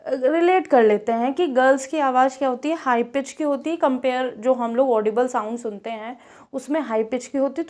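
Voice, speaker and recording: Woman teacher, Kanpur Hindi accent, fairly high voice, explaining a physics lesson, repeats key words, fills pauses. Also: a little mellow. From India.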